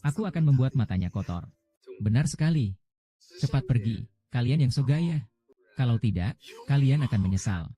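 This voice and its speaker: Voicing every character in a dubbed short drama himself, a man speaks in a very dark, mellow tone that stays much the same across roles. His mid-range voice is animated and moderately paced, with frequent pauses.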